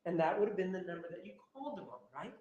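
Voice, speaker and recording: A man's voice: high voice, lively intonation, racing, a little mellow, muffled recording. A man prosecuting at a trial, cross-examining a witness with pressing, repetitive, combative questions. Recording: echoey courtroom audio.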